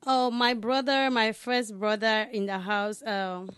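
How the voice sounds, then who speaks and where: A young woman is a guest on a radio interview in a studio. She is a singer and talks earnestly, with casual "like" fillers. Her voice is smooth and clear, and the sound is dry and close. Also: on the high side, flat delivery, unhurried, fairly bright tone, no room sound. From Cameroon.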